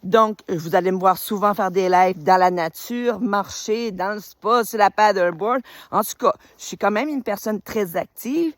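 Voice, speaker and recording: Her mid-range voice runs a little slow, with no room sound, as this woman in her fifties welcomes followers to her spiritual group. She's a retired teacher from New Brunswick, Canada, recording casually on a phone outdoors on a road in winter. The talk is warm, enthusiastic and rambling, peppered with fillers.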